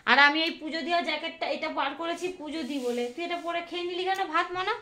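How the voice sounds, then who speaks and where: A woman chats in a casual home vlog, her voice high and ringing bright. Her words rush out and tumble over each other. She is talking into a phone held in her hand while sitting in bed. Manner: rushed, tumbling speech. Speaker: family vlogger.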